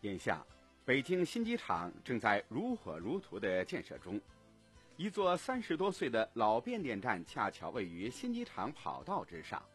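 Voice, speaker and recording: Very animated man reading radio news. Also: mid-range voice, normal speed, husky, soft background music. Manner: very animated newsreader delivery.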